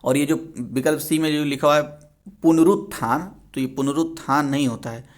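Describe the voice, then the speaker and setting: A man's voice: a little high, fairly quick. A man teaching a Hindi exam revision lesson, going through answer options and correcting spellings, often repeating a word to stress its right form.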